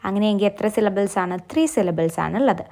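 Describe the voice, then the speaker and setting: A woman's voice: mid-range voice, fast talker, darkish tone. A woman with a Malayali accent giving a step-by-step exam-prep lesson, asking viewers to try along. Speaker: English teacher.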